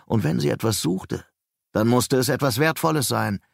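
A man's voice: medium pitch, moderate pace, vocal fry, dry recording, studio quality. A man voicing a brash, mocking male police detective in an audiobook, with a scornful, needling manner.

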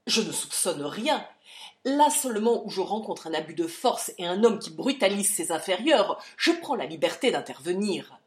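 A proud young gentleman answers back with indignation, as a woman reads him aloud. His pitch leaps up when he grows heated. It comes from a storybook audiobook. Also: big pitch swings, moderate pace, lightly acted. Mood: indignant. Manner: indignant, shouting.

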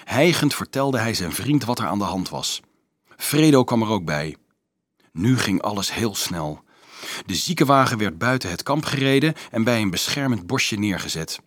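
A man narrating a novel in a steady storytelling manner. His voice sits fairly low. The recording is dry and close. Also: moderate pace, no room sound. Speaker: audiobook narrator. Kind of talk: scripted narration.

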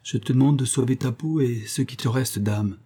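A resolute woman urges and pleads in an insistent voice, read by a male narrator in his own dark, husky tone, lifted only slightly. Her words push with steady urgency. It is a plain storybook reading. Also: mid-range voice, normal speed, pitched above the performer's own voice, lightly acted. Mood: pleading.

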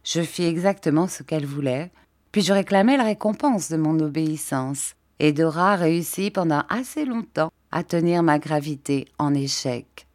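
A woman reader narrating a classic novel in a calm, measured way. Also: low voice, dry recording, clean studio sound. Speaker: audiobook reader.

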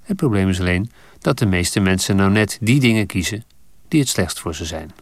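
This is a kindly old headmaster from a storybook, read by a man. He speaks calmly and patiently, like a wise teacher. His low voice has a light gravel. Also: moderate pace, dry recording. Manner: calm, gently explaining.

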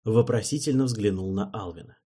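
A man narrating an audiobook in an expressive storytelling manner. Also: on the low side, fairly quick, husky. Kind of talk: scripted narration.

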